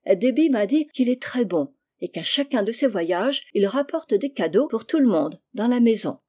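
A woman's voice: on the high side, normal speed. A woman voicing a cheerful, sensible young servant girl in an audiobook reading, with an encouraging manner. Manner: encouraging, lively.

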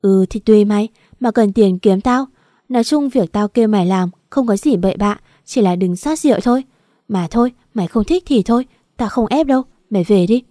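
A woman's voice: medium pitch, a little fast, warm tone, no room sound, clean studio sound, close to an everyday voice. A woman doing a slick offhand young recruiter.

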